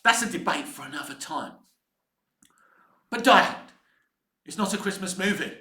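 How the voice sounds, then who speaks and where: This is the same British film vlogger in his fifties, ranting casually with strong opinions, exasperated emphasis, mild swearing and repeated points. Here his voice is high and animated with a sharp edge, moving at normal speed, and the room is reverberant and echoey.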